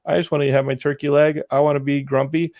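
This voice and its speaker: A man's voice: a little high, little pitch movement, fast, no room sound, phone-quality sound. A young man co-hosting a podcast, telling stories in a casual, joking way and mimicking people in silly voices. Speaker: podcast co-host. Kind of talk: casual chat.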